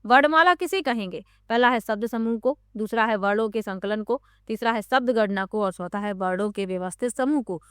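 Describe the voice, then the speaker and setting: A woman's voice: medium pitch, fairly bright tone, clean tone, dry recording, clean studio sound. A woman teacher going through exam questions one by one, reading out the options and then explaining the right answer.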